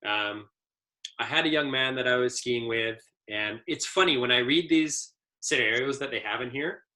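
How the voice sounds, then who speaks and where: A man's voice: medium pitch, normal speed, pushed and bright. A man, an adaptive ski instructor trainer, giving a casual training presentation as an easygoing storyteller with many fillers.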